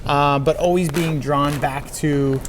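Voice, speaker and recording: A man from New England, a chef being interviewed about his cookbook, talking in a measured, thoughtful way with frequent fillers. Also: on the high side, fairly even intonation, a crowd in the background. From New England, United States. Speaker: chef and cookbook author, guest. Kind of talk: conversational interview.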